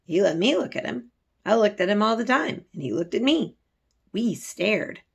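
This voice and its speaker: Grown woman reading as a firm curious little girl in a storybook, plain spoken, creaky. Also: medium pitch, sing-song, moderate pace, exaggerated voice. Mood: matter-of-fact. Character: firm, matter-of-fact, curious young girl.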